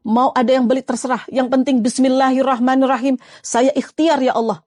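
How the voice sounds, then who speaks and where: A woman preacher giving a lively, coaxing religious talk, speaking to her viewers as friends. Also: high voice, no room sound, studio quality. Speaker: Islamic preacher. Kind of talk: live-streamed religious talk.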